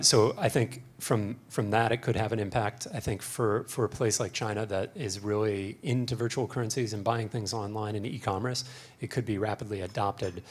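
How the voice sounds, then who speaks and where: A man speaking on a conference panel in a measured, hedging way. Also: fairly low pitch, slightly rough. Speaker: panelist, market researcher.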